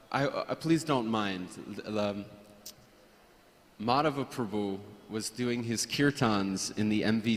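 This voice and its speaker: A man at a memorial gathering, telling affectionate anecdotes about a friend and chuckling as he remembers. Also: mid-range voice. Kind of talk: reminiscing anecdotes. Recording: long reverb.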